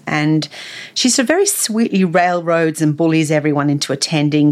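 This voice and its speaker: Low-voiced woman reviewing a book. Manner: enthusiastic, chatty, with small laughs. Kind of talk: casual book-review chat.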